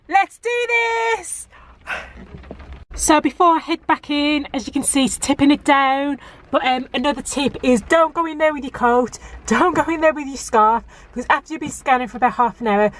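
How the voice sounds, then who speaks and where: A woman in a casual vlog, chatting to camera and giving practical tips with plenty of fillers. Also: a little high. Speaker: vlogger. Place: car park outside a shop, rainy.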